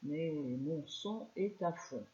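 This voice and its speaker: A woman with a northern French accent giving a live scrapbooking tutorial, chatty and soft-spoken, with many fillers. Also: low voice, lively intonation, slow, highs cut off. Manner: speaks softly, chatty, many fillers like "alors" and "hein". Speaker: scrapbooking demonstrator.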